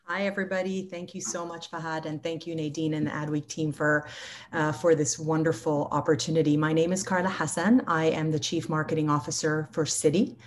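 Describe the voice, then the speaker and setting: A gracious middle-aged woman from the Middle East introduces herself on a panel. Her voice is very low for a woman, and there is some faint background noise. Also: little pitch movement, brisk. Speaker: panelist, marketing executive.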